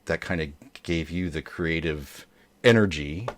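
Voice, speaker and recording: A man's voice: rumbling low, measured pace. A man hosting a joke show in casual chat, rambling along with many hesitations. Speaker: host of a dad joke show.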